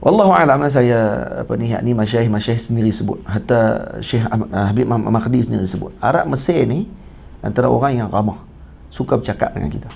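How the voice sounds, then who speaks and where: A man's voice: medium pitch, brisk, creaky, darkish tone, slight background noise. A man with a Malaysian Malay accent giving a casual religious class, chatty and checking that listeners follow. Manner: chatty, asks listeners for agreement; mimics Arabic speakers' phrases. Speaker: religious teacher.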